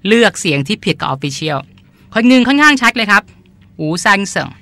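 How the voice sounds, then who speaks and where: A man's voice: high voice, very animated, fairly quick, pushed and bright. A man hosting a podcast, chatting casually as he explains terms and often repeats them with polite particles. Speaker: podcast host and translator.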